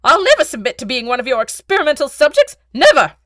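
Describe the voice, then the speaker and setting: A woman voicing a small, indignant male scientist who breaks into frantic, shrill outbursts. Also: huge pitch swings, moderate pace, creaky, pushed and bright, no room sound, studio quality, distant mic, full character voice.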